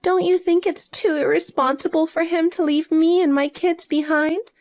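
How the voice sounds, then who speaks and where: Whiny, desperate older sister, high-pitched and pleading, as a woman reads her. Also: steady tone, moderate pace, a little mellow. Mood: self-pitying.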